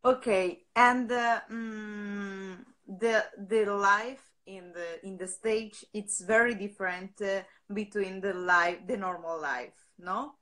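Slow, bright-voiced woman interviewer. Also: medium pitch, fairly even intonation. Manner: hesitant, searching for words. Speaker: interviewer, artistic director. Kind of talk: live online interview.

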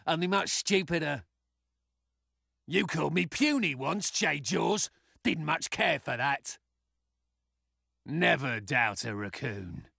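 A scrappy little raccoon soldier from a fighting game, cocky and sarcastic. The voice is high and gravelly, swooping wildly as it throws out brash taunts. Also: male voice, sharp tone, dry recording, studio quality, heavily acted. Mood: sarcastic, smug. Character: cocky, foul-mouthed, scrappy male raccoon space soldier.

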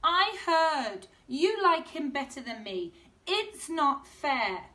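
Woman as a pleading little girl, storybook, high, whiny, slow. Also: big pitch swings, bright, forceful tone, exaggerated voice.

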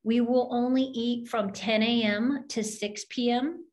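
A woman's voice: on the high side, unhurried. A woman minister telling a story in an open forum, acting out the voices of the people in it. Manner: animated, acts out the voices in her story.

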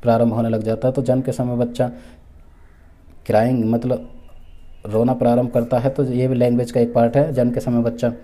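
Dark flat-voiced man teaching. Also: mid-range voice. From India. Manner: repeats each point with Hindi and English terms; many fillers and restarts, measured explaining. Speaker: teacher for exam preparation. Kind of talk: recorded exam-prep lecture.

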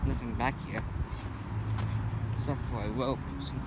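A man's voice: mid-range voice, fairly even intonation, measured pace. A man vlogging as he walks around an empty building, making short offhand remarks. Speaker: urban explorer vlogger. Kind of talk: casual walkthrough narration. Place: outdoors in an empty parking lot. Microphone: handheld phone camera. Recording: loud outdoor traffic noise.

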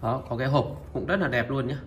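A man of middle pitch presents second-hand Japanese wares one after another and opens almost every sentence with the same pointing word. He speaks to his viewers familiarly and pauses with filler sounds as he goes. Dishes and cutlery clink in the noisy background. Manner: steady, repetitive, opens nearly every line with a pointing word. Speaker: seller of used Japanese goods. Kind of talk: product showcase sales talk.

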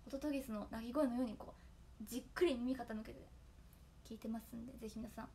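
A young woman talks casually and playfully to her fans, breaking into giggles and reciting tongue twisters. Her voice sits a little high. A faint background hum runs underneath. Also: steady tone, fast, dark tone. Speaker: idol trainee talking to fans. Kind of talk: casual solo stream chat.

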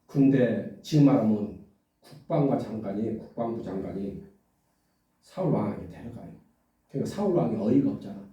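A male pastor preaching a sermon with lively delivery, often asking the congregation questions and acting out biblical voices. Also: on the low side, normal speed, highs cut off. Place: church sanctuary. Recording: echoey church hall from far off.

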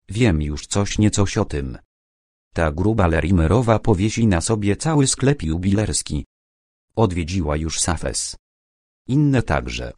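A man's voice: low voice, darkish tone, no room sound, clean studio sound, full character voice. A man reading the part of a bossy, chatty young woman who talks insistently, in a plain storybook voice. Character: bossy, lively young woman, a busy friend.

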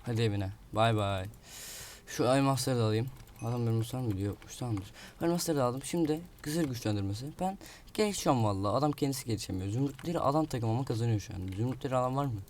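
This gaming video creator talks fast in a medium-pitched, darkish voice, with slight background noise and the sound of keyboard clicks and typing. While playing, he keeps up casual live commentary, muttering to himself and complaining about an opponent.

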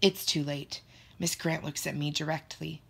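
A woman narrating a first-person children's story in an expressive, playful way. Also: low voice, moderate pace, gravelly, slightly rough. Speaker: audiobook narrator.

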